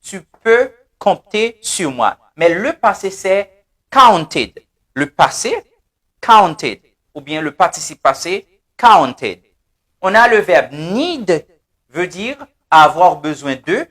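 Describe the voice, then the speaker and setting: A man teaching English pronunciation in French, repeating words slowly and drilling the class. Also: sits high, big pitch swings, fairly bright tone. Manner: switches between French and English. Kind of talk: pronunciation lesson.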